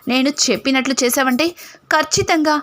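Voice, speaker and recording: A woman voicing a calm, manipulative scheming mother in a retold serial. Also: high-pitched, fairly quick.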